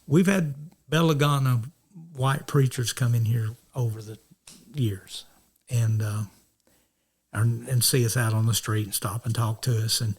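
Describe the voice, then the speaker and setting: A man's voice: mid-range voice, steady tone, unhurried, husky. A middle-aged man from North Georgia, a minister telling stories in a rambling way, often restarting and acting out the dialogue. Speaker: minister, interview guest. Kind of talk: casual storytelling.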